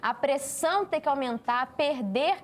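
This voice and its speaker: A woman's voice: high-pitched, animated, a little slow. A woman, a guest on a casual devotional podcast, speaking in an exhorting, encouraging, preacher-like way.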